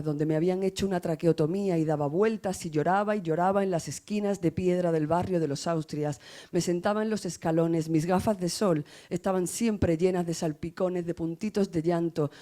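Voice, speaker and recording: A woman from Spain reading her own poetry aloud in a measured, grave and intimate way, with a Spanish accent from Spain. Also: lowish voice, warm tone. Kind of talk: poetry recitation.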